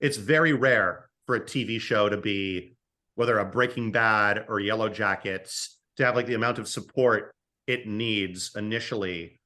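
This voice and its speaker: With a lowish, sharp-toned voice at a moderate pace, this man is a podcast guest who writes screenplays and audio dramas. In the relaxed interview he hesitates and repeats words as his ideas take shape.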